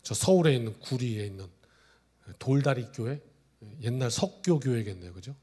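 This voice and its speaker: A male pastor in his forties preaching a sermon, telling stories, swinging from loud exclamations to hushed asides. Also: mid-range voice, lively intonation, moderate pace, husky. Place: church sanctuary.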